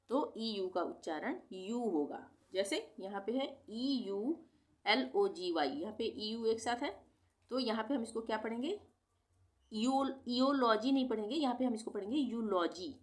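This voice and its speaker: A woman's voice: medium pitch, a little mellow. Patient woman teaching spelling rules. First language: Hindi. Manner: patient, repeats each example word slowly. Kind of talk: explaining English spelling rules.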